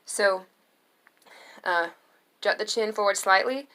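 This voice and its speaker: A young adult woman giving a singing lesson, explaining slowly and calmly between sung demonstration notes. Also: mid-range voice. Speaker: singing teacher.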